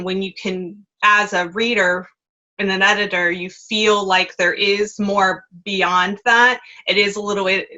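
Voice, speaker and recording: A woman speaking as an editor in a panel talk, her tone bright and forward. She pauses often with "um" as she thinks. The call audio sounds dull and lo-fi. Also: medium pitch. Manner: hesitant, frequent "um" fillers. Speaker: magazine editor and panel guest. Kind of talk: conversational panel discussion.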